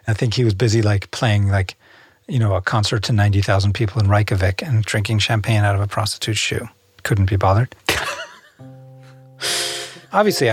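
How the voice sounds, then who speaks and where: A man speaking as an interview guest, wry and self-deprecating in casual conversation. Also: lowish voice.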